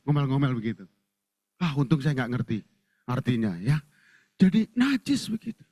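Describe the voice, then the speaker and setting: A man's voice: mid-range voice, big pitch swings, normal speed, mellow, no echo. A man preaching a sermon as pastor with an Indonesian accent, telling stories animatedly and acting out the people he quotes, often laughing. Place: church sanctuary.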